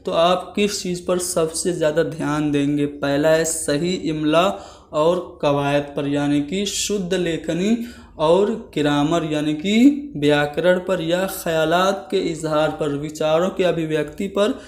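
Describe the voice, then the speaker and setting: A man's voice: on the high side, fairly even intonation, measured pace. A man teaching a lesson, working through exam questions and explaining each option step by step. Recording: roomy echo.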